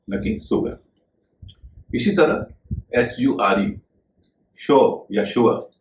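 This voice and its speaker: A man with a low voice teaches pronunciation in a calm, measured way. He spells words out letter by letter before saying them. His voice rings in an echoey room over a faint background hiss. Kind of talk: explanatory video lesson.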